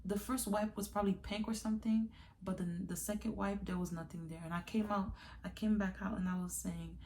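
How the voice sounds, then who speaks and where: A woman's voice: mid-range voice, steady tone, fairly quick, a little mellow, a little hiss or hum. A young woman vlogger chatting candidly to viewers in a casual storytime confession, calling them y'all.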